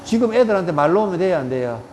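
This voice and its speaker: A man's voice: high-pitched, big pitch swings, rapid-fire, darkish tone, slight background noise. A middle-aged man with a Gyeongsang accent, giving a yoga lecture and telling joking stories in coarse, blunt language. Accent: Gyeongsang Korean. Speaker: yoga teacher. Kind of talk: casual lecture with anecdotes. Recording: reverberant room with faint ambience.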